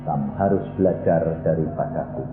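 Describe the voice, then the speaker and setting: A man preaching a sermon, animated and teasing his listeners with questions and mock prayers. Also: very deep voice, brisk, reverberant, phone-quality sound, faint music behind. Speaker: evangelist preacher. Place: church.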